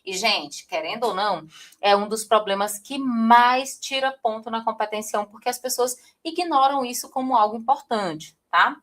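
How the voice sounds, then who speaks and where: A woman's voice: a little high, normal speed. A woman from Brazil teaching a live online writing class, talking straight to her viewers and often checking in with them. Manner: lively, addresses viewers directly, frequent "tá?" check-ins.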